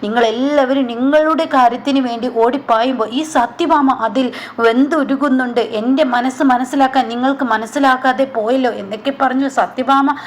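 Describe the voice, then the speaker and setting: High-voiced chatty woman recapping a serial. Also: steady tone, fairly quick, a little hiss or hum. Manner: chatty, voices the lines with feeling. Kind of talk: casual spoken story recap.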